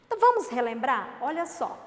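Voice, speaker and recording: A woman teacher giving a lively, expressive lesson to children. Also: high-pitched, fairly quick. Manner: lively, exaggerated expressive intonation. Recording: echoey reverberant room.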